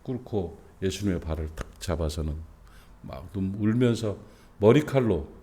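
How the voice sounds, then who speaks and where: A middle-aged male pastor delivers a dawn sermon, his pitch swinging widely as he talks it through. He leans on fillers and rhetorical questions, then climbs in force to stress his points. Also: expressive, normal speed, mellow. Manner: conversational preaching with rhetorical questions and many fillers; rising and emphatic when stressing a point. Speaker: senior pastor.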